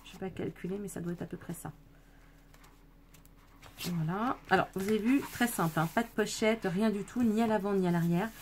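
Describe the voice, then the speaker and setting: A woman's voice: mid-range voice, brisk, slight background noise. A woman casually showing off a handmade scrapbook album, talking with many fillers and self-corrections and speaking straight to her viewers. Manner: chatty, addresses viewers directly. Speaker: scrapbooking video maker. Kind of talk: casual craft show-and-tell.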